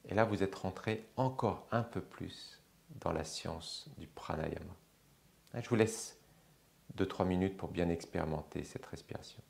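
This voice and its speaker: A man teaching yoga, calmly guiding a slow breathing exercise with long pauses. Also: low-pitched, creaky. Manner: slow, calm, measured guidance with long pauses. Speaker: yoga instructor.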